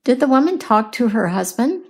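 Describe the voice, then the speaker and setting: A woman teaching English in a slow, clear lesson, patiently asking questions and repeating answers. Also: on the high side, very animated. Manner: patient, repeats and explains words.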